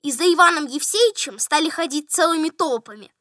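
A woman narrating a story in a lively, expressive reading. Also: high voice, fairly quick, no room sound, studio quality.

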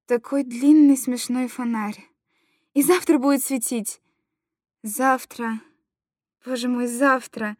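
This woman's voice is on the high side and darkish, with fairly even intonation, slow delivery, and long pauses, captured at studio quality with no room sound. In a dramatic monologue reading, she portrays an anguished mother tenderly cooing repetitive, childlike stories to her small son, full of aching tenderness.

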